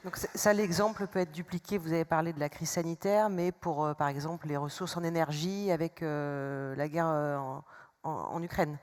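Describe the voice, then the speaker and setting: A moderator at a conference round table, quickly restating the panelist's points as questions. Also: medium pitch, steady tone. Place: conference hall. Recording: long hall reverb.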